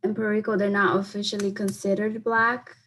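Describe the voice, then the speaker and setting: A woman's voice: medium pitch, little pitch movement, a little fast, fairly bright tone, rough recording. A young adult woman giving a speech for class over a video call, earnest and leaning on "like" when she answers questions unprepared. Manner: earnest, leans heavily on "like" when speaking off the cuff.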